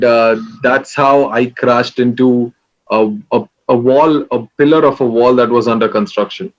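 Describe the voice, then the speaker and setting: Young man, lo-fi sound. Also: medium pitch. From Kerala, India. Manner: relaxed, rambling, many fillers. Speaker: interview guest. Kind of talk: casual interview.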